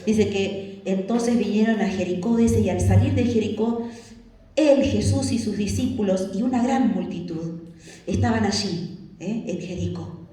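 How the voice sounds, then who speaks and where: A woman's voice: mid-range voice, measured pace, mellow. A woman preacher, telling a Bible story in a sermon and acting out its cries with long, raised calls. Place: church. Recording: very echoey church hall.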